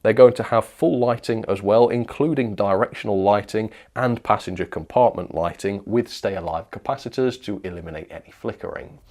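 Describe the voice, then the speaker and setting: The presenter of a model railway news show reviews new products informally, either to camera or in voice-over, sounding chatty, enthusiastic and full of opinions. His voice is on the low side and a little mellow, and he talks briskly with hardly any pauses.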